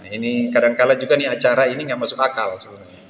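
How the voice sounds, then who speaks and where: A man's voice: medium pitch, rapid-fire, a bit bright. An older man preaching a sermon at a church service, telling stories animatedly and acting out children's voices. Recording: echoey hall with faint noise.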